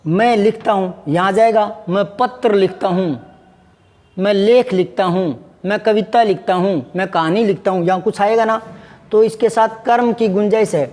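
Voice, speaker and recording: A man's voice: sits high, normal speed, darkish tone, in a large hall. A man teaching Hindi grammar, patiently repeating examples and asking his students questions. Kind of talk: classroom lesson.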